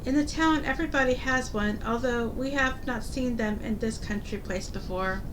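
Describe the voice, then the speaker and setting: A proud young husband from a storybook, read by a woman, speaks in a teasing way. The voice is high, and a clear rumble sits behind it. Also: normal speed, close to an everyday voice. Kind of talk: storybook character reading. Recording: loud low rumbling background noise.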